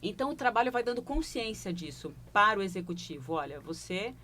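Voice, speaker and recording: A leadership consultant with a Brazilian Portuguese accent talks through her work in a broadcast studio interview, reflective and regularly ending phrases with quick questioning asides. Her medium-pitched voice is expressive, quick, pushed and bright. A little hiss or hum is audible.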